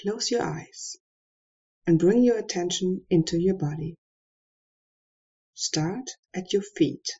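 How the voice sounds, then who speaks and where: Woman meditation guide: unhurried, low-ish husky voice, soft calm delivery, muffled lo-fi recording. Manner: slow, soft and calm instructions with long pauses.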